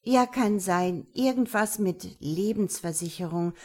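A woman's voice: mid-range voice, unhurried, a little mellow. A woman reading an audiobook, voicing a naive young woman who pipes and whines. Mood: whiny. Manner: piping, whiny.

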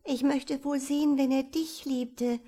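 A woman's voice: sits high, fairly even intonation, unhurried, mellow, pitched above the performer's own voice. A woman voicing a shy, tearful young girl who speaks out bluntly, in a storybook reading. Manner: childishly outspoken, whiny.

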